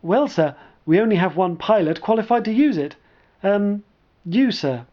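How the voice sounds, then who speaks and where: A man's voice: high voice, very animated, normal speed, pitched above the performer's own voice. A man voicing a young, nervous male army lieutenant who speaks politely and hesitantly, eager to please, in a dull lo-fi recording.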